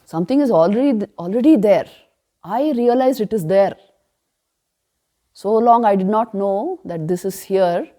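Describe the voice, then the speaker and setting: A woman giving a spiritual retreat class on scripture, emphatic, asking rhetorical questions and answering them, and chanting verses slowly. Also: mid-range voice, warm tone. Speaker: spiritual teacher.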